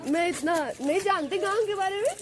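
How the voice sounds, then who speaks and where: A woman's voice: extremely high pitch, brisk. A young woman from Rajasthan, India, chatting and teasing as she vlogs a village festival morning on her phone. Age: young adult. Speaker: vlogger. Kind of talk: casual vlog commentary. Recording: phone video with loud music and crowd.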